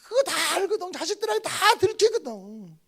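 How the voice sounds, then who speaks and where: A man in his fifties preaches a revival sermon in a strikingly high voice. He tells family stories and acts out the dialogue, moving between loud outbursts and hushed asides. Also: very animated, moderate pace. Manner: storytelling with swings from loud outbursts to soft asides. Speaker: guest pastor.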